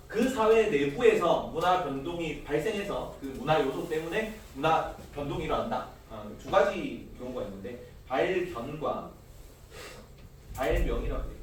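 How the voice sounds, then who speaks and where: A man's voice: on the high side, slight background noise. A male social studies teacher giving a casual classroom lecture, quizzing students with rhetorical questions and joking asides. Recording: very echoey room, mic far off.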